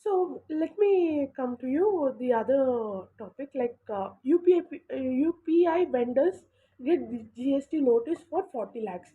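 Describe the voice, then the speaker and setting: A woman's high voice in Kannada-accented English, presenting an informal explainer. She talks in emphatic, halting phrases, and the sound is thin and narrow, like a phone line. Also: expressive. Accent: Kannada-accented Indian English. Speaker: host of an explainer channel. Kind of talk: informal explainer addressed to viewers.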